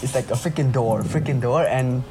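Speaking at normal speed with a medium-pitched voice, a young man from Indonesia casually swaps stories and chats, leaning heavily on frat-bro slang like "bro" and "dude," with music running in the background.

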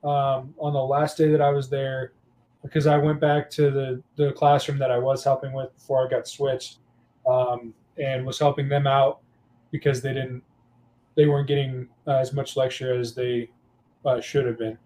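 A man's voice: medium pitch, moderate pace. A young adult man, a guest on a casual podcast, telling teaching stories with lots of fillers. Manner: storytelling, animated, many fillers.

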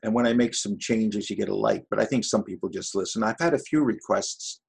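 A man's voice: fairly low pitch, a little fast, gravelly, darkish tone, husky. A retired man in his sixties from Canada, chatting in an interview about his voice-over work in a rambling, self-deprecating way. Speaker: voice-over artist guest. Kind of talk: casual interview chat.

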